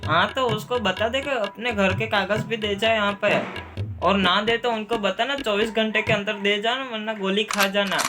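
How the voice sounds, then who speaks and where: A young man acting out a comedy sketch, playing several family roles and switching his pitch between them. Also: fairly even intonation, normal speed, over music.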